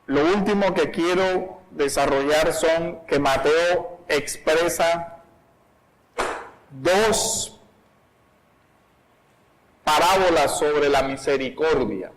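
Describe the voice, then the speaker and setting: A male pastor delivers a sermon in a church, moving between his own teaching and passages of scripture he reads aloud. His voice sits a little high for a man. He speaks slowly and deliberately. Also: slight background noise, low-quality recording. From Colombia. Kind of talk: expository sermon.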